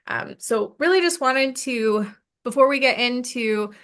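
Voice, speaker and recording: A woman's voice: a little high, expressive, measured pace, fairly bright tone. Casual woman hosting a webinar. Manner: casual, frequent "um" fillers. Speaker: session host. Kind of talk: webinar overview. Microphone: video call.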